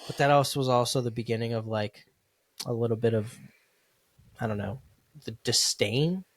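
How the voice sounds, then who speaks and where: A man's voice: medium pitch, normal speed, dry recording. A man in his thirties co-hosting a family podcast, talking in a loose, casual way and saying "dude" often. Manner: laid-back, says "dude" and "like" a lot. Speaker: podcast co-host. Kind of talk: casual conversation.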